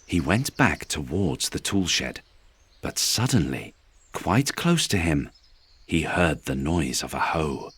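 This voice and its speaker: Deep, husky man reading a bedtime story. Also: slow pace. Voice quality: soft, husky. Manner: calm, gentle, expressive storytelling. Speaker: narrator of children's bedtime stories. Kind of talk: scripted storybook narration, bedtime read-aloud.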